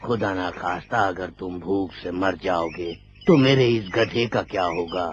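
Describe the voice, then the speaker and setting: A man's voice: sits low, measured pace, dull audio, faint music behind. A man voicing a frail, kindly old man who frets and rambles in a dubbed film. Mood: fussing. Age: older. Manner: fussy, rambling, fretful. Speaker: voice actor in a film dub.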